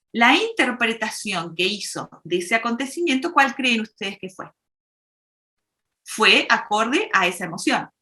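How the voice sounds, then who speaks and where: A woman's voice: fairly high pitch, sharp tone. A woman psychologist giving an explanatory public talk, teaching through worked examples. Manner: didactic, uses worked examples. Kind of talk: explanatory lecture.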